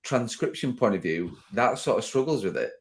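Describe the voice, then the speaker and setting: Host: easygoing northwest English man, lowish voice, casual interviewer. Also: moderate pace, gravelly. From northwest England. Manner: relaxed, conversational, easygoing. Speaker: podcast host.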